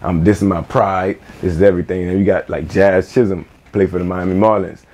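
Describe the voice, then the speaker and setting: A young man with a Bahamian accent talks about his roots in a loose, easygoing way, leaning on fillers and repeating himself. His voice sits on the low side. He is recorded in a small studio room. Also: fairly even intonation, a little fast, a little mellow. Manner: laid-back, loose, many fillers and repeated words. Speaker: guest, record label owner. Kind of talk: casual interview chat. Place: small music studio indoors.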